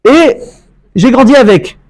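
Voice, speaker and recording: High-pitched guy rabbi telling stories in a torah class, acts out the voices. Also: a little slow, poor audio. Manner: animated storytelling, acts out dialogue. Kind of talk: Torah lecture with anecdotes.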